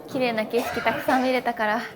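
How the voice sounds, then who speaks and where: A woman chatting casually through a travel vlog, playful and quick with self-deprecating jokes while she walks around sightseeing. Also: on the high side, steady tone, crowd noise. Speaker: travel vlogger. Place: out and about sightseeing in a city. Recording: background music under voice.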